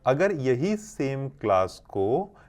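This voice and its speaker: A young man teaching a coding lesson at an even, mid pitch. He goes step by step through his screen and keeps checking whether his listeners have followed. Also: drawn-out words. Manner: explains step by step, often asks if it is clear.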